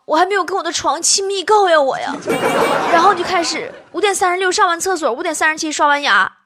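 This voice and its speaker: A woman, a radio host delivering a playful, mock-dramatic comic monologue that she keeps tagging with drawn-out self-pitying asides. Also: very high-pitched, noisy background. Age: 30s.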